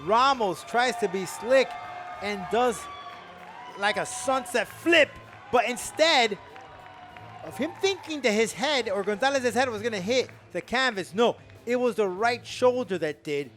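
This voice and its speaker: Guy commentating mma live, pretty high voice, bit of crowd noise behind him. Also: animated, a little slow, a bit bright. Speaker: fight commentator. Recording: faint music and crowd behind.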